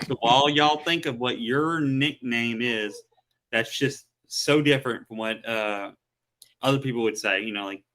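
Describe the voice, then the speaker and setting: A man co-hosting a podcast who tells stories in a relaxed, drawn-out way during casual chat. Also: medium pitch. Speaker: podcast co-host.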